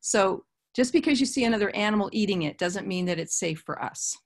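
A woman's voice: medium pitch, animated, a little fast. A middle-aged woman presenting a gardening webinar over a video call, explaining in a friendly way with casual asides. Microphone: webcam on a video call.

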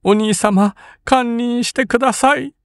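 Young samurai sister; high, tearful, pleading; storybook reading. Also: male voice, steady tone, measured pace, clear, resonant tone, dry recording. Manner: high, sobbing, begging.

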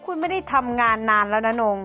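A woman's voice: on the high side, expressive, quick pace, bright, forceful tone, soft background music. Woman doing a blunt, dismissive husband. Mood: scornful. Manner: cold, belittling.

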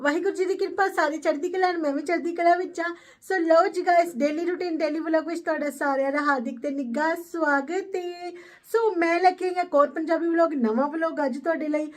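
A woman's voice: extremely high pitch, fairly even intonation, fairly quick. A woman with a Punjabi accent chatting casually for a home vlog, chirpy and exclaiming, dropping English phrases into her talk. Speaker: daily vlogger.

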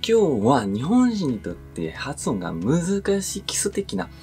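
A man who runs a language school, leading a pronunciation lesson and carefully articulating each word, stretching it out very slowly on the repeats. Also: a little high, huge pitch swings, a little mellow, faint music behind. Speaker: French school principal and teacher.

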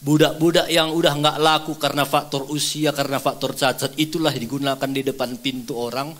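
A male pastor, preaching through a story, swinging between loud and hushed. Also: medium pitch, level tone, fairly quick. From North Sumatra, Indonesia. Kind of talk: sermon.

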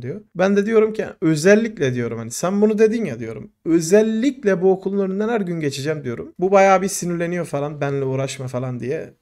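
Fast-talking young man telling a story. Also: fairly high pitch. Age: 20s. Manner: slangy, animated retelling with quoted dialogue. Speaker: podcast host. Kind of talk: casual storytelling.

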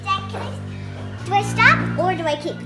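A woman voicing an eager, obedient little plush kid in a high, squeaky put-on voice. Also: a little fast, over music.

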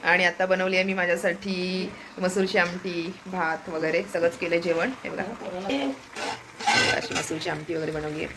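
A woman's voice: lowish voice, flat delivery, normal speed, very noisy. A woman chatting to her viewers in a casual home vlog, filmed on a phone at home. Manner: chatty, addresses viewers as friends. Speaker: family vlogger.

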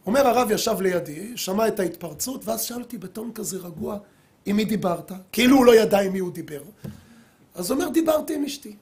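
A middle-aged man, a rabbi, giving a sermon and telling a story, acting out the quoted dialogue with lively voices. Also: high voice. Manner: animated storyteller who acts out quoted dialogue.

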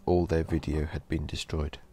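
A man narrating a horror story in a slow, measured storytelling delivery. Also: a bass voice, flat delivery, warm tone, slightly rough.

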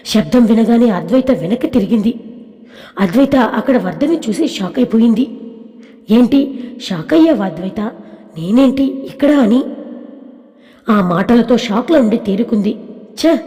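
A woman storyteller reading a scripted story in a steady, expressive way. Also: on the high side. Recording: long hall reverb.

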